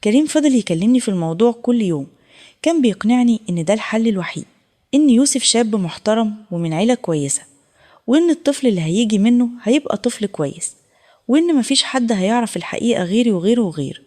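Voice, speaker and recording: A woman's voice: on the high side, expressive, fast, dark tone. A woman with an Egyptian accent narrating a first-person audio story in an earnest, confessional way. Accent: Egyptian Arabic.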